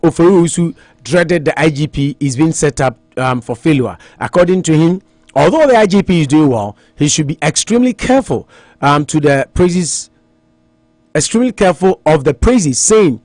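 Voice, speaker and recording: A Ghanaian man hosts a morning talk show, reading quotes aloud and pressing his panel for views. His voice sits a little high for a man. The studio sound is close and dry. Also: animated, normal speed, a little mellow, dry recording. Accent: Ghanaian English. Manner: reads out quotes, prompts panelists. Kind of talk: radio talk show discussion.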